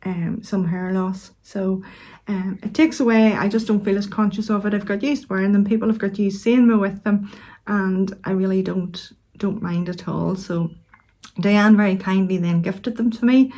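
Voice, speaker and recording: A middle-aged woman with a Northern Irish accent chats casually as a vlog host, gently and unhurriedly, with hesitant pauses. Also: mid-range voice, steady tone. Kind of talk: casual chat to camera.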